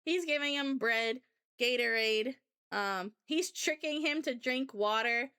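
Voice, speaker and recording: A woman with a high, bright voice tells a rambling story in a loose, chatty way. She talks to her stream viewers casually, as if catching up with friends. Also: a little slow, clean tone. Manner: rambling, chatty anecdote telling. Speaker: VTuber streamer.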